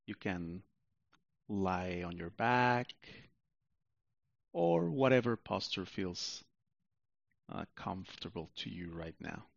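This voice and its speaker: Slow, gravelly man guiding sleep meditation. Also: low voice, expressive, no echo, dull audio. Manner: soothing, unhurried, with long pauses. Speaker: meditation guide. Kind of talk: guided sleep meditation narration, like a sleep story narrator.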